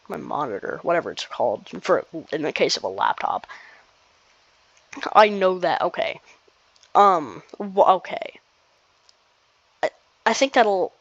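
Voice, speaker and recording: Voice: mid-range voice, a bit bright, no room sound, muffled recording. A gamer giving casual gameplay commentary, rambling and restarting sentences with nervous laughs.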